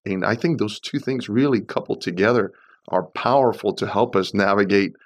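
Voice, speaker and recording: A man on a church panel, telling a childhood story in a reflective way and filling his pauses with "uh". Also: lowish voice. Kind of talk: conversational church podcast discussion.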